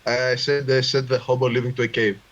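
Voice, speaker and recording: A man's voice: medium pitch, little pitch movement, a little fast, a bit bright. A man playing a tabletop game over an online call, joking offhand while his voice keeps cutting in and out on a bad connection. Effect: voice cutting in and out on a bad internet connection. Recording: muffled, distant voice over a breaking-up call.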